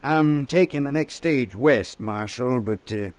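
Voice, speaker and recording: An actor playing a seasoned frontier sheriff who talks slowly and deliberately, in 1950s radio western style. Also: male voice, mid-range voice, a little hiss or hum, lightly acted. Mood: measured.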